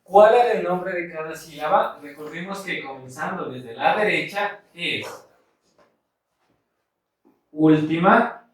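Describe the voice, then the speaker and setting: A man teaching a grammar lesson at a board, speaking slowly and deliberately and repeating the key points. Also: fairly high pitch. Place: room with a board. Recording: echoey room, mic far off.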